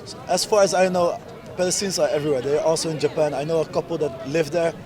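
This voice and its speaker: A Dutch man in his twenties is interviewed at an outdoor street protest, speaking earnestly and emphatically in short, insistent phrases. His voice is fairly high, steady in tone and quick in pace. The street recording carries a loud crowd of protesters in the background.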